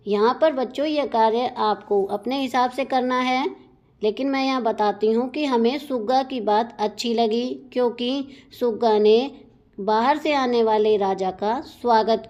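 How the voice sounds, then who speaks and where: Slow, mellow-voiced woman teacher. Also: a little high. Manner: slow, clear teacher's reading voice. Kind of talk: reading a children's lesson aloud.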